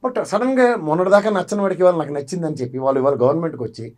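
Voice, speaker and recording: A man's voice: fairly high pitch, very fast, a little mellow. A male political analyst being interviewed on a news channel, speaking emphatically with a Telugu accent, asking rhetorical questions and slipping into English phrases.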